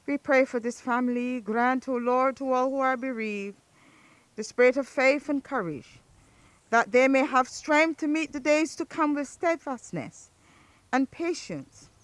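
Slow, solemn woman reading funeral rites. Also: sits high, a bit bright, no room sound. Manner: measured, solemn recitation. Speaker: officiant at a burial.

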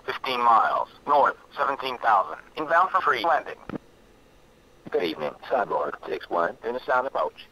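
A man voicing a brisk military flight controller in a simulator game, speaking clipped procedural phrases over a radio. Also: medium pitch, bright, forceful tone. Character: brisk male military pilot and air traffic controller. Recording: crackly noisy radio transmission.

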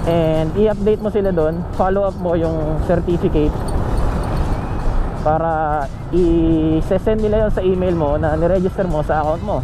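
A man's voice: high-pitched, rough recording. A man talking casually while riding a motorcycle through town, answering viewer questions with frequent tag questions. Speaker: motovlogger and delivery rider. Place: outdoors on a motorcycle in town streets.

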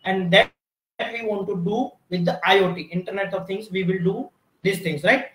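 In an automation lab full of equipment, a male instructor walks through a technical demonstration step by step, often restarting and repeatedly saying "you can see." His voice is high and fairly bright, with fairly even intonation and a normal speed. The room sounds echoey.

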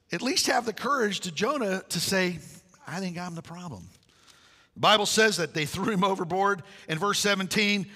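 A man with a high, bright voice preaches to his congregation, joking and acting out the characters' lines as he goes. His words ring through a large sanctuary with a long, echoing reverb. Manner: animated, jokey storytelling with acted-out dialogue. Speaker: pastor. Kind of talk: sermon.

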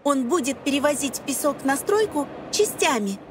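A woman with a high voice narrates an educational cartoon for children, explaining things simply from a script. She sounds animated and keeps a normal speed, with faint noise in the background.

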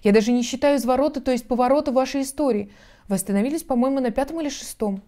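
A woman's voice: high voice, rapid-fire, mellow, voice pushed up, close to an everyday voice. A woman voicing a curious, polite young girl in a storybook reading, eager and earnest. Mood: timid. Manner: eager, earnest, timid when scolded.

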